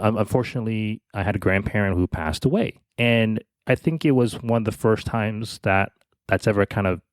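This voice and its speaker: Low-voiced man telling a personal story. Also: clear, resonant tone, no room sound. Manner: halting, many restarts, soft laughs. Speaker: podcast co-host.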